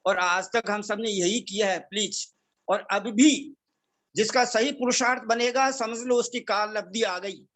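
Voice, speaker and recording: A man teaching a religious class, reciting verses slowly and explaining correct pronunciation, with English phrases mixed in. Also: high voice, fairly bright tone. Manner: slow, measured chanting of verses, stressing vowel lengths; mixes English phrases into Hindi.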